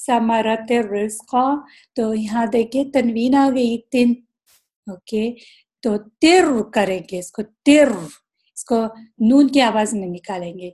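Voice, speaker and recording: A woman teaching Quran recitation rules in a recorded lesson, explaining slowly, drawing out each recited example and mixing English words into her talk. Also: fairly high pitch, darkish tone.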